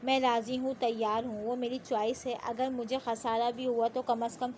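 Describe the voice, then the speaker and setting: A woman reading the part of a proud, hot-tempered young woman in an audio novel, sharp and indignant in her lines. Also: a little high, flat delivery, slight background noise, natural voice. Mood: resigned.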